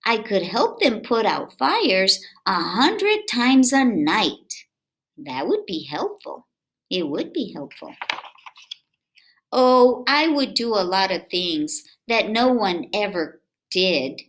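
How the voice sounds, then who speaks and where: This woman's storytime read-aloud is slow and medium-pitched; she performs the picture book expressively for kids, elongating words and pausing to ask her young audience friendly questions.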